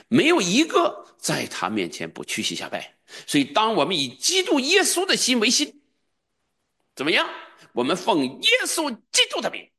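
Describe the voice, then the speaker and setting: Husky-voiced man preaching a fervent sermon. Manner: swings between soft low asides and loud high fervent exclamations; chanting repeated commands in prayer. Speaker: pastor. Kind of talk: charismatic sermon.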